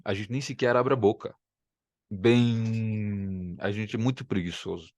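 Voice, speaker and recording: A man speaking quickly in a voice on the low side records a language lesson video at home, the camera facing him. He explains patiently and repeats words to demonstrate sounds; the recording is dry.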